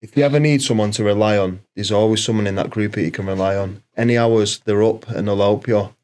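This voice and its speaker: A man's voice: fairly low pitch, fairly even intonation, fast, a little mellow, clear, resonant tone. Matey man chatting informally. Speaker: podcast guest, community group organiser. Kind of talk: casual chat.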